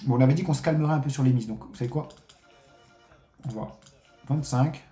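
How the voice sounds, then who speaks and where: A man's voice: mid-range voice, brisk, roomy sound, soft background music. A man streaming a live casino game, commenting on his bets with frequent swearing and talking to viewers as friends. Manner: excitable, swears often, addresses viewers as friends.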